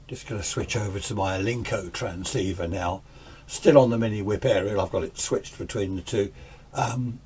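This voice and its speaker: This middle-aged amateur radio hobbyist, hosting from his home radio shack, has a fairly low, slightly rough and somewhat mellow voice. He offers chatty, self-deprecating commentary during a casual hands-on demonstration. The camera's built-in mic brings hiss and background noise, over faint radio static.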